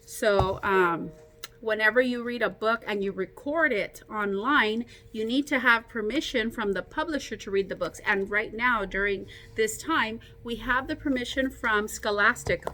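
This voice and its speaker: Speaking in a mid-range voice, a woman teacher brings a story to life for a group of children. She's encouraging and expressive, with relaxed side comments aimed at her young listeners.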